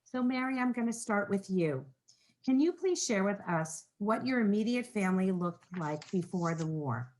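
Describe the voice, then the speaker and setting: A woman's voice: mid-range voice, lively intonation, moderate pace, a little mellow, low-quality recording. Woman as moderator of an online talk; polite, organized, keeps things on track. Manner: polite and organized, guiding the speakers. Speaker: program moderator. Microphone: video call.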